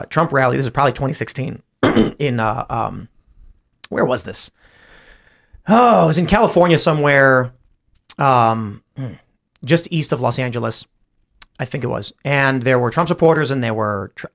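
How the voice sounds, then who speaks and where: A man hosting a political talk show, telling stories with animated retellings and imitating other people in raised voices. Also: mid-range voice, normal speed, creaky. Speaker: podcast host.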